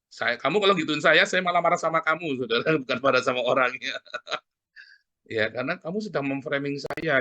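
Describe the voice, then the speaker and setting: A pastor delivers a casual sermon in an animated, conversational way. His pitch jumps around, and he keeps turning aside to speak to the congregation.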